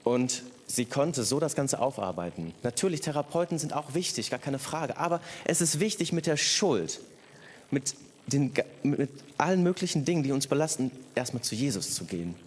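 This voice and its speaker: A man's voice: mid-range voice, lively intonation, normal speed. A man preaching a sermon, speaking emphatically and addressing the congregation directly with personal stories. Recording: echoey hall with faint noise.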